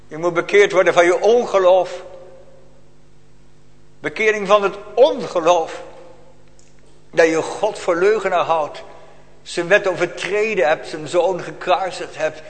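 A man preaching a solemn, urgent sermon full of rhetorical questions to his congregation. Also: high-pitched. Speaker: pastor. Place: church. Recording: long reverb of a church hall.

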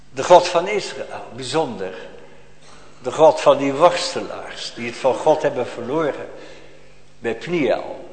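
A male pastor delivering a sermon in an emphatic, admonishing way, with pointed rhetorical questions to his congregation. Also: medium pitch. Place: church. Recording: echoey church hall, long reverb.

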